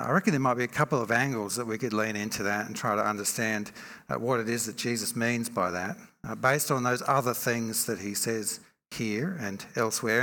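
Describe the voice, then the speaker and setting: Gravelly-voiced male preacher in a reverberant hall. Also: on the low side, pushed and bright. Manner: measured, reflective, asks rhetorical questions. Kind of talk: sermon. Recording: long reverb from a large hall.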